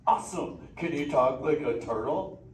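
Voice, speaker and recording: Live on stage in an indoor theater, a man voices a laid-back male sea turtle, chatting with the audience in a slangy surfer drawl and sounding stoked. His voice is on the high side, expressive and moderately paced. The sound is echoey, distant and noisy.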